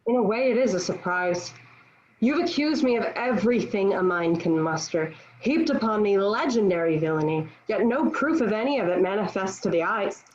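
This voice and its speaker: A woman playing a proud, sharp-tongued young Joan of Arc in a dramatic script read, defiant, sardonic and declamatory. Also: medium pitch, animated, moderate pace, crowd noise, close to an everyday voice. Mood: defiant, dry. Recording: dull, lo-fi video call audio.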